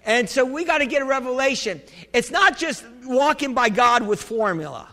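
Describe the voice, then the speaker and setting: High-pitched man preaching in a reverberant hall. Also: animated, moderate pace, bright, forceful tone. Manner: emphatic exhorting, calls for amens. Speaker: pastor preaching to a congregation. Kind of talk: church sermon.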